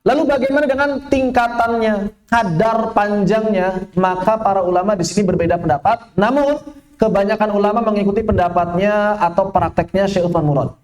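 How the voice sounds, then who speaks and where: A man teaching Quran recitation, patiently demonstrating sounds slowly and singing examples. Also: sits high, fairly even intonation, a little mellow. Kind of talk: tajwid lesson with recited examples. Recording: echoey room.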